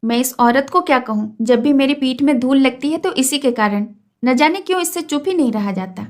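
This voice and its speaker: A woman reading as a middle-aged farmer who scolds firmly but keeps his temper. The voice is high and stern in this read-aloud tale. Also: moderate pace, close to an everyday voice.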